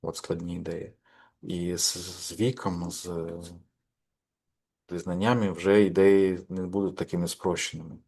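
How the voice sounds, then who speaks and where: A man's voice: sits low, fairly even intonation, normal speed, darkish tone. A man giving a course lecture, hesitant, with many fillers and restarts.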